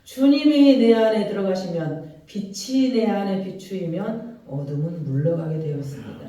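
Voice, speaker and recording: A pastor with a Jeolla Korean accent delivers an animated sermon, acting out prayers in a mellow voice. The sound rings through a large church hall with strong echo. The voice is picked up from well away from the microphone. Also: medium pitch, moderate pace, slight background noise. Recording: very echoey church hall, voice from far off.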